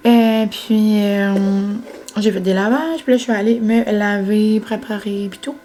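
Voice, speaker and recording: Chatty young Québécoise vlogger, mellow voice. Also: female voice, medium pitch, fairly even intonation, unhurried. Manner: chatty, lots of fillers and English words. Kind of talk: casual vlog chat to camera.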